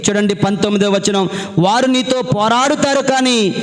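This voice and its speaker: High-voiced priest preaching in an echoey hall. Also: male voice, moderate pace. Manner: emphatic, poses rhetorical questions and answers them. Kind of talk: sermon. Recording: echoey church hall reverb.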